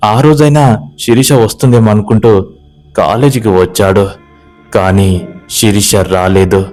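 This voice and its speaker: Mellow-voiced storyteller. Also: male voice, lowish voice. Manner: steady, dramatic storytelling. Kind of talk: spoken horror story narration.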